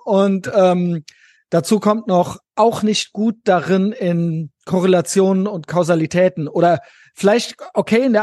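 High-voiced chatty West German man. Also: a little mellow, dry recording, studio quality. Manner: chatty, slangy, keeps adding tag questions. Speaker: podcast co-host. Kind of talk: casual political chat.

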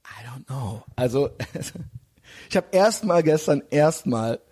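A man's voice: medium pitch, lively intonation, slow pace, mellow, slightly rough. A man casually telling a rambling, slangy anecdote full of fillers. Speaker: storyteller.

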